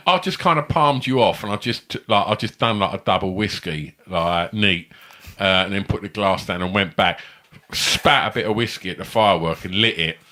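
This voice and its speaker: A man co-hosting a casual comedy podcast, with a fairly low voice and a bright, forceful edge. He tells long, sweary anecdotes in a loose, rambling way. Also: lively intonation, normal speed. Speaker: podcast co-host.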